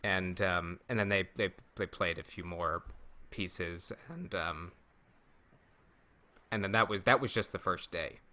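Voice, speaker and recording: A podcast co-host tells stories and trades banter casually, enthusiastic, jokey and emphatic. His voice sits low, with a bright, forceful tone, and his pace is measured.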